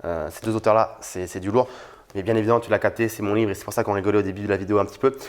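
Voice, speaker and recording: A man's voice: fairly low pitch, fairly even intonation, very fast. Young man from France, casual vlogger, chatty and unpolished. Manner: chatty, frank, many fillers and restarts. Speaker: youtuber reviewing books. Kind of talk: casual talk to camera.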